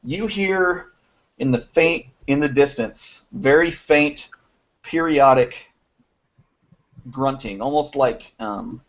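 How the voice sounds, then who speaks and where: A man acting as game master, narrating a tabletop game in a loose, halting way with frequent laughs. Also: medium pitch. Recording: dull lo-fi home recording with faint noise.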